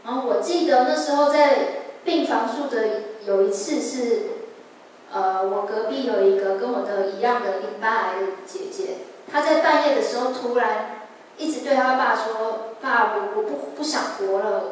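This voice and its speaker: A young woman with a Taiwanese Mandarin accent shares her testimony in a church service, speaking earnestly and halting now and then to restart a thought. Her fairly high voice carries through a large, strongly echoing sanctuary with a long reverb tail. She sounds set back from the microphone, with a faint hum of room noise behind her. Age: young adult. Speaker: church member giving testimony. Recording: echoey hall, voice from a distance.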